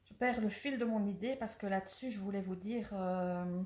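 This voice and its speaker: A woman's voice: medium pitch, moderate pace, warm tone. A woman who owns a ceramics shop, chatting eagerly through a casual product demonstration and sometimes losing her thread. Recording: roomy echo.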